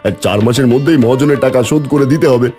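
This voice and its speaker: A man voicing a soft-hearted young farmer husband in a cartoon, coaxing and reassuring his wife. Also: medium pitch, very fast, faint music behind, lightly acted. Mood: worried. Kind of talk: cartoon voice acting.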